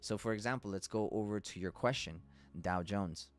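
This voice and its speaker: A man's voice: lowish voice, moderate pace, clear, resonant tone. A man hosting a live trading stream, talking loosely and casually through chart analysis, swearing and laughing as he goes.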